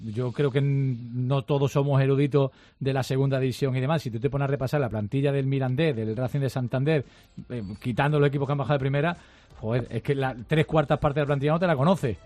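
A man's voice: mid-range voice, steady tone, quick pace, a little mellow, no echo. A man hosting a sports radio show, chatting in a casual, emphatic way with frequent fillers.

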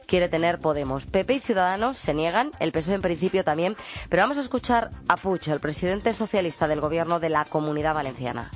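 A woman presenting a radio news roundup in a brisk manner, with chatty asides to her co-host. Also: lowish voice.

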